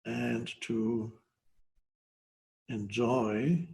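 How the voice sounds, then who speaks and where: An older man giving a guided meditation talk as a spiritual teacher, slow and hesitant, with long pauses between phrases. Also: medium pitch, little pitch movement, creaky, darkish tone, slight background noise, poor audio.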